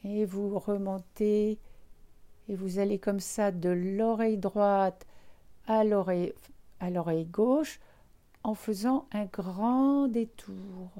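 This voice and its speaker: Female relaxation instructor, warm mellow tone, very unhurried pace, calm step-by-step guidance with room to pause. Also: mid-range voice. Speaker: instructor of a guided eye-relaxation exercise. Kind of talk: guided relaxation lesson, speaking directly to listeners.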